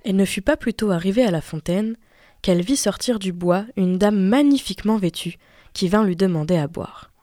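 A woman reading a classic fairy tale aloud with expressive storytelling. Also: mid-range voice, moderate pace. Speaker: reader.

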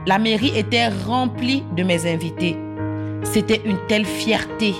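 A woman, calmly telling her life story in short, plain sentences. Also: mid-range voice, a little slow. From Cameroon. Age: 40s. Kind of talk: personal testimony. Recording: soft guitar music underneath. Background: plucked guitar music.

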